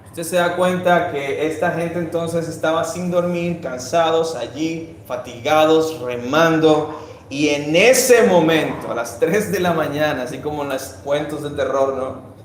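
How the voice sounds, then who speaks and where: A man preaching a sermon, building drama with rising pitch and volume for emphasis, then dropping to a hushed tone. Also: unhurried. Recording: echoey room with faint noise.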